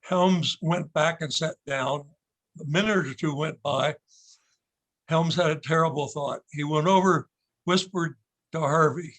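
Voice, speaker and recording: An older man telling an anecdote to a luncheon group in an unhurried, measured way with pauses. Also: a little high, fairly bright tone, poor audio. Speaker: audience member telling a story. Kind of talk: anecdotal storytelling.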